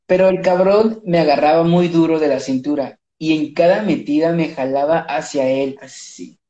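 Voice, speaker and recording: A podcast co-host with a Mexican accent, reading an erotic story aloud in a drawn-out casual way, laughing and hesitating. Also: mid-range voice, fairly even intonation, warm tone. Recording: dull, roomy lo-fi recording.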